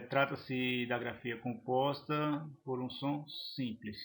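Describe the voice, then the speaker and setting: A man teaching a grammar lesson, halting and restarting phrases as he explains examples. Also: medium pitch. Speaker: Portuguese teacher.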